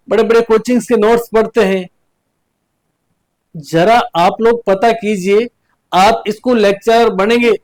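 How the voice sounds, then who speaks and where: A young man from India, giving an earnest exam coaching lecture as a teacher, repeating points and asking rhetorical questions. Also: sits high.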